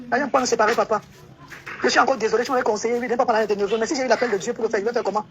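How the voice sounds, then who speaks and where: A woman doing a soft begging sister's voice. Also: a little high, muffled recording.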